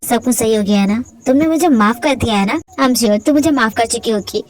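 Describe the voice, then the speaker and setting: A woman's voice: on the high side, a little fast, over loud music, close to an everyday voice. A woman voicing a frightened young wife who tries to flee her husband in a fan-fiction audio drama, defiant and tearful by turns. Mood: sweet. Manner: tearful and defiant, later sweet and yielding.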